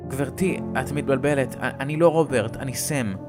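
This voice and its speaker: A man's voice: mid-range voice, over music, voice pushed up, close to an everyday voice. A man voicing his laid-back young twin brother in a creepy story. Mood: puzzled.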